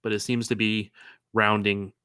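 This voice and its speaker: A man's voice: lowish voice, flat delivery, pushed and bright, clean tone, no echo. Dry-sounding man chatting soccer. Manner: chatty, halting restarts. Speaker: podcast co-host. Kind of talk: casual chat.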